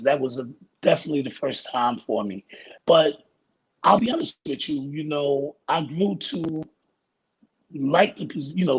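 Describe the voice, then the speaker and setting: A middle-aged man with a raspy voice, chatting casually as an interview guest, rambling and laughing as he tells stories. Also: a little high, highs cut off. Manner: laid-back, rambling storyteller who laughs often. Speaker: guest actor.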